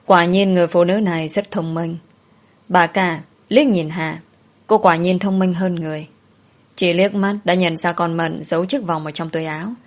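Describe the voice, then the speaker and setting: A woman reading a story aloud in a calm, even scripted narration. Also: on the low side, moderate pace.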